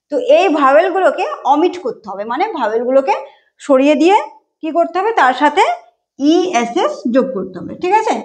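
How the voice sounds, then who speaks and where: A woman teaching an exam-prep grammar lesson, explaining step by step and spelling words out letter by letter. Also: high-pitched. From Bengal. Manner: explains step by step, often says "ঠিক আছে".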